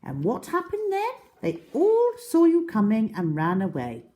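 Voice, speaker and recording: A woman's voice: on the high side, wildly swooping pitch, unhurried, mellow, pitched above the performer's own voice. A woman voicing a smaller, disapproving crocodile in a storybook, blunt, indignant and emphatic. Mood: scornful. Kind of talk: storybook character reading.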